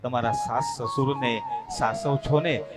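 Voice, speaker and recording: A man, telling a religious katha story in an animated way and addressing his listeners directly. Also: mid-range voice, a little slow.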